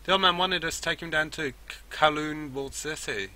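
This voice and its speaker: A man doing a blunt, higher dwarf woman. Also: a little fast, bright, forceful tone. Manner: blunt and mocking. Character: gruff female dwarf rat charmer, blunt.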